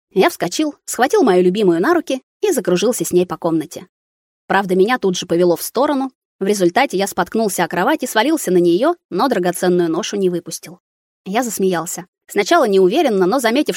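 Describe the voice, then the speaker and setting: A woman reading a first-person novel aloud in a measured, steady way. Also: medium pitch, no echo, studio quality. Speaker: audiobook reader. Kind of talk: scripted first-person narration.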